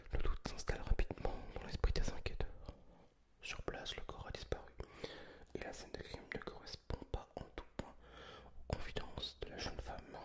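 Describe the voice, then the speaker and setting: A man whispering in a hushed, breathy library whisper, chatting informally and hesitantly about things in ASMR style. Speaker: ASMR video creator. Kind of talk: whispered ASMR book chat.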